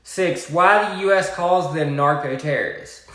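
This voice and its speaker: Southern guy doing a slow political rant, kinda high voice, sarcastic bits. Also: a bit bright, echoey room. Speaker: commentator. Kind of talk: political commentary monologue.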